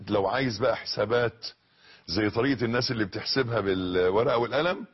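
A male preacher with an Egyptian accent delivers a fervent sermon, repeating phrases and moving between hushed passages and shouts. His voice sits low and has a husky edge. The recording sounds dull and lo-fi. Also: fast. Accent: Egyptian Arabic. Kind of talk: religious sermon.

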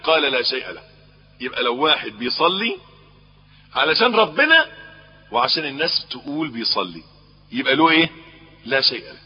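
A man with an Egyptian accent preaching an Islamic sermon, putting questions to his listeners and swinging between emphatic peaks and low, quiet passages. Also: a little fast, pauses often. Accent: Egyptian Arabic. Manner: lively, rising to emphatic peaks, then dropping low; asks the audience questions. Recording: husky voice, long hall reverb, dull lo-fi sound.

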